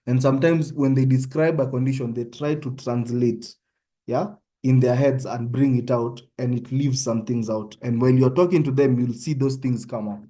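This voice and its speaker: His voice is medium-pitched and dark, steady in tone and at normal speed. He's a young Kenyan man, Kenyan-accented, teaching an informal online medical tutorial in a conversational way and often asking listeners "yeah?".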